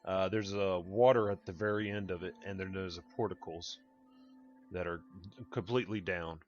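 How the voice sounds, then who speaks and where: A man with a fairly low voice runs a tabletop roleplaying game. He describes and rules in a casual, conversational way. The recording is a little muffled, with music playing behind. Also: steady tone, moderate pace. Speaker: game master. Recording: muffled lo-fi audio with background music. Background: background music.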